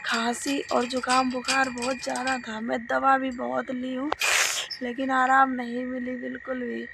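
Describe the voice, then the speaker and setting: A woman vlogging while sick, hoarse and coughing, straining and tired as she talks into a phone while out walking. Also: high-pitched, completely flat delivery, measured pace, background noise. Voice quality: coughing often. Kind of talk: casual vlog chat. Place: village road outdoors at dusk.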